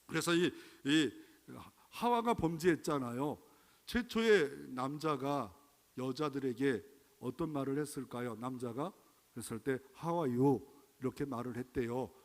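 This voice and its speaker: A man's voice: mid-range voice, a little slow, big-room sound. A man from Chungcheong, Korea, preaching a sermon as pastor, with emphatic exclamations and rhetorical questions. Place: church sanctuary.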